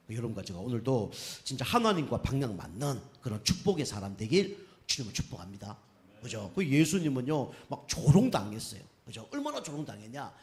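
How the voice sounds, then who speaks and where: A middle-aged man preaches a sermon in a lively, slightly high voice that swings widely in pitch. He stresses key phrases emphatically and keeps tossing rhetorical questions to his congregation. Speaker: pastor.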